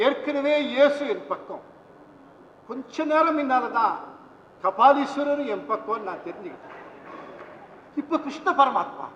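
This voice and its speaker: An actor playing a gentle, kindly priest who speaks softly and reassuringly, in an old stage play recording. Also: male voice, very high-pitched, a little hiss or hum, full character voice. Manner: soft, reassuring, fatherly. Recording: roomy hall, dull lo-fi old stage recording.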